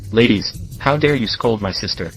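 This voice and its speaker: A man's voice: fairly low pitch, animated, moderate pace. A man voicing an arrogant, greedy security captain in an English drama dub, sneering and bullying. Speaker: dub actor.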